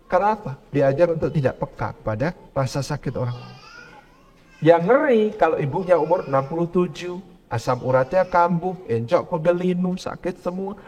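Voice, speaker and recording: A man giving a parenting lecture to a live audience, animated and telling stories as he preaches. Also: moderate pace. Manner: animated, acts out quoted parents in higher voices.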